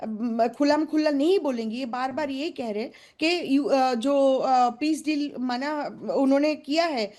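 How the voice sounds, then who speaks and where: Casting: high-pitched woman pundit, forceful opinions, halting delivery full of fillers. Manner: hesitant, many fillers, mixes English phrases, assertive. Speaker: panelist. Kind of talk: news debate commentary.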